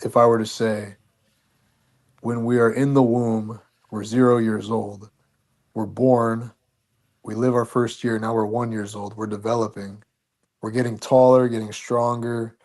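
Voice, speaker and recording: A man's voice: mid-range voice, level tone, unhurried, a little mellow. A man hosting a casual debate, building probing questions step by step. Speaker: host.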